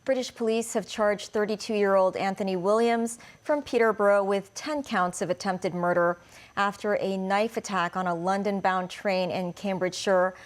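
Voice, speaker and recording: Lady anchor reading news, formal even tone, middle pitch.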